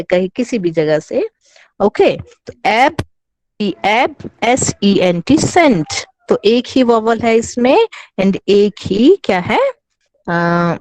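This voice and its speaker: A woman with a medium-pitched, darkish voice and an Indian accent teaches an online English lesson to children, recorded on an online class microphone with no echo. She is slow and patient, mixing Hindi and English, spelling words letter by letter, and calling the children "beta".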